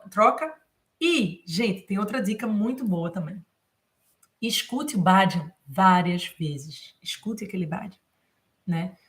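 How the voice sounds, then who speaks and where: Speaking at a medium pitch with a fairly bright tone, a Brazilian music teacher leads a guitar lesson live. She sings short mantra phrases, then explains the chord changes with patience and plenty of fillers, while a guitar plays faintly in the background.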